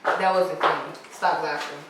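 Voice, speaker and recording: A woman's voice: low-pitched, fairly even intonation, moderate pace. A teenage girl hosting a casual mukbang chat, teasing and slangy with her relatives. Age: teens, high school senior. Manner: playful, slangy, teasing banter. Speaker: vlog host. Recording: echoey room, distant mic, clear background noise.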